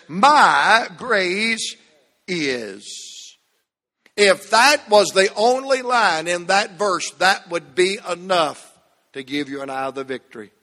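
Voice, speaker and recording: Male pastor, slow deliberate sermon cadence, reverberant church hall. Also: sits high, bright, forceful tone. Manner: emphatic preaching with dramatic pauses and falling phrase ends. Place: church sanctuary. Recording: long reverb of a large hall.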